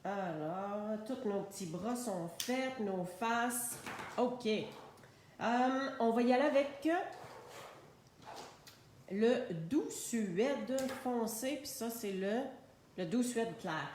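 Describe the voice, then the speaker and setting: A woman's voice: on the high side, very slow, darkish tone. A woman with a Québécois French accent, chatting unhurriedly through a live stamping and coloring tutorial and describing each step as she works. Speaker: craft demonstrator. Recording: very echoey room, faint noise.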